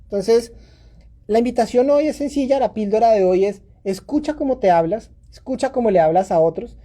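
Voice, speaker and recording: A woman hosts a parenting talk with a mellow, warm tone. She speaks earnestly, like a coach, and sometimes acts out the voice of an upset parent before going back to calm advice. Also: fairly high pitch, fairly quick. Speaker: parenting podcast host.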